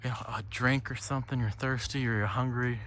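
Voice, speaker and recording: In a mid-range, slightly bright voice with fairly even intonation, the solo podcaster talks fairly quickly. His casual monologue wanders reflectively, laced with free swearing and frequent "right?" tags. Outdoor ambience and birdsong from the lakeside trail sit in the background.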